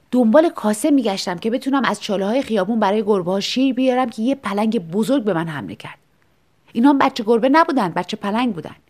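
Expressive woman storyteller. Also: mid-range voice. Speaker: narrator. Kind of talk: scripted storytelling narration.

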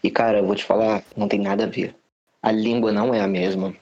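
A man's voice: on the low side, little pitch movement, quick pace, a little mellow, highs cut off. A man with a Brazilian Portuguese accent talking bluntly and with slang in a casual podcast conversation, giving strong opinions. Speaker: podcast guest.

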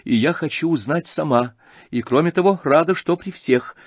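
A man's voice: fairly high pitch, normal speed, husky, no echo, voice pushed up. A male reader voicing a proud, mocking young noblewoman in an audiobook, questioning haughtily and pointedly. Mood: haughty.

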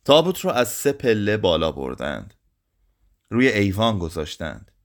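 A man reading a literary short story aloud in a slow, somber way. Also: fairly low pitch, big pitch swings. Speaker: narrator.

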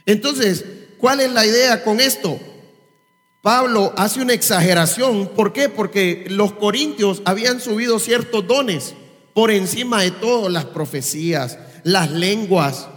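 A man's voice: sits high, a little slow, a bit bright. A man preaching a sermon in a church service, quizzing the congregation with rhetorical questions. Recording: long reverb of a church hall.

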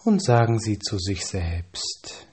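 A man calmly reading scripted guided relaxation instructions, with measured pauses and slow counting. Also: on the low side, husky.

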